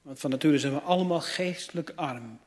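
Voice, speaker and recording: A man preaching a sermon, slow and emphatic, with rising fervent appeals and searching questions to his hearers. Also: a little high. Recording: church hall with long reverb.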